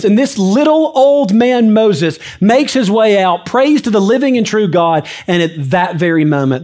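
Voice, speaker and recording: Male pastor, fairly high voice, earnest expository preaching, moves between hushed and emphatic delivery. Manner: earnest, reads scripture aloud then explains it; swings between hushed low phrases and raised emphatic stretches. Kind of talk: expository sermon.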